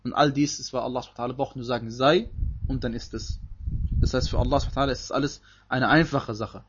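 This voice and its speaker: A man's voice: medium pitch, steady tone, racing, lo-fi sound, background noise. A man teaching a Quran commentary lesson, explaining emphatically and reciting Arabic verses between his points.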